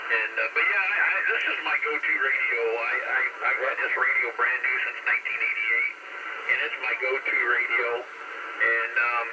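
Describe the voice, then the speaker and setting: A man's voice: mid-range voice, moderate pace. A man chatting casually over a CB radio from his home garage station, rambling in a folksy way with lots of fillers and restarts. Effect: heard over CB radio. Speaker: CB radio operator. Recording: distant CB radio signal, heavy static.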